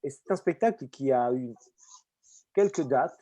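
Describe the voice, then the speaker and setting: Expressive Italian-accented man chatting. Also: medium pitch, a little slow, lo-fi sound. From Italy. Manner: expressive, animated. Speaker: actor and guest speaker. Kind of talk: casual conversation.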